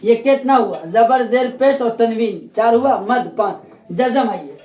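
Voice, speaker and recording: A man's voice: extremely high pitch, a little slow, a little mellow. A male teacher giving a classroom grammar lesson, repeating terms and quizzing his students. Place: classroom with a board. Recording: echoey classroom.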